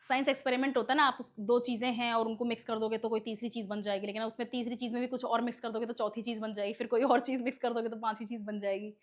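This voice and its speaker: A woman gives an exam-prep English lesson, her voice a little higher than most. She explains things patiently, one step at a time, and keeps checking that her students follow. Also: steady tone, rapid-fire, hardly any pauses. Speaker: English teacher.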